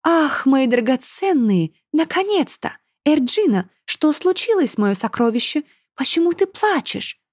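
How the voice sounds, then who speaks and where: A woman's voice: sits high, very animated, unhurried, hardly any pauses, no echo, studio quality, voice pushed up. Woman doing a syrupy scheming stepmother. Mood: fussing. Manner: syrupy, mock-sweet, haughty. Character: sugary scheming stepmother, haughty young bride.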